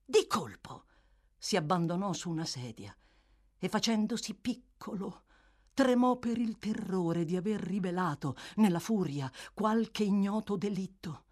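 A woman narrates a novel aloud with a dramatic, expressive delivery. Her pitch moves in a lively, animated way through the scripted narration. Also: unhurried. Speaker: audiobook narrator.

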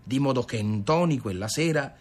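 A man reading a novel aloud as an expressive literary narration. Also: medium pitch, normal speed, soft background music. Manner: expressive storytelling. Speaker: audiobook reader.

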